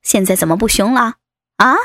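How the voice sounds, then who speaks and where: A woman's voice: brisk, a bit bright, no echo, lightly acted. A woman voicing a lecherous male vice president in an audio story, speaking in a mocking, teasing tone. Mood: leering. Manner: mocking, teasing, low-voiced. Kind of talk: erotic audio story reading. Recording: dry close recording.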